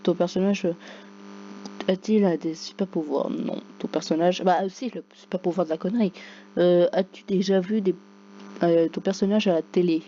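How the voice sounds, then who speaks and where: A woman commenting casually on a game, reading its questions aloud and joking, with sudden loud outbursts. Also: on the low side, steady tone, normal speed. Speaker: gaming YouTuber. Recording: dull lo-fi recording with faint hum.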